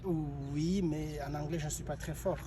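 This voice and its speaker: A karate teacher and singer from South Kivu in DR Congo answers interview questions hesitantly, full of fillers and restarts. His fairly high voice holds a steady tone at a moderate pace, with background noise audible.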